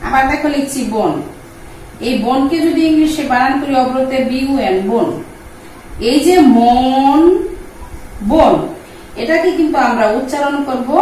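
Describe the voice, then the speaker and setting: A woman's voice: high voice, far from the mic, a little hiss or hum. Patient woman teacher in an echoey room. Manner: patient, repeats words slowly for students. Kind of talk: explaining Bengali pronunciation lesson.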